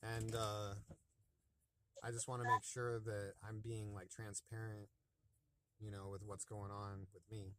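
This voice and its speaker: A man's voice: fairly low pitch, level tone, unhurried, pauses often, a bit bright, slight background noise. A man working as a rideshare driver, calling support and rambling through his story with lots of fillers. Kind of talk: casual phone call. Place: in his car, also the vlog setting.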